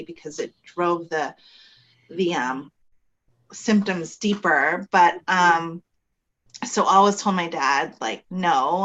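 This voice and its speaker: A woman naturopathic physician explaining her field in a measured way with frequent ums, speaking from her office. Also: fairly low pitch, a bit bright. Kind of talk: explanatory interview talk.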